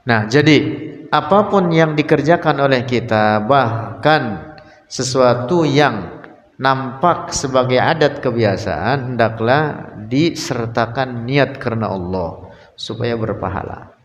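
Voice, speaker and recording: A man's voice: mid-range voice, expressive, takes it slowly. A man giving a religious study lecture. He reads Arabic text, translates it phrase by phrase and adds joking, colloquial asides to his students. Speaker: Islamic religious teacher. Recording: echoey hall with long reverb.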